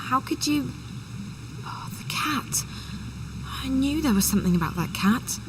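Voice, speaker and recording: A woman's voice: high voice, animated, a little slow, noisy background. An actress playing a curious, earnest young woman adventurer in a video game, with natural, inquisitive delivery. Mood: confrontational.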